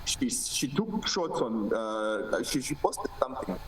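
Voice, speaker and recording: A man's voice: medium pitch, big pitch swings, slow pace, a little hiss or hum. Zambian man on a roomy distant call. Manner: hesitant, many fillers and restarts, mixes in local words. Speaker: interview guest. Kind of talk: casual interview chat. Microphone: video call.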